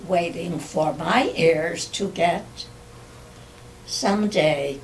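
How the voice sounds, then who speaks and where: An older woman recites her own verse in a slow, measured way, her voice sitting a little low. She is caught from some distance by the mic. A faint hum of the room stays underneath. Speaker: guest poet. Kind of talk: reading her own poems aloud. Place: community club room.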